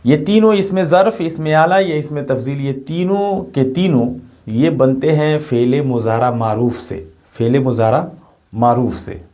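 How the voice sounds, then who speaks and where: A man's voice: mid-range voice, normal speed, dark tone. A man teaching an Arabic grammar lesson, patiently repeating points and asking his students if they follow. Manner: patient, repeats points, often asks rhetorical check questions. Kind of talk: classroom lecture explaining grammar.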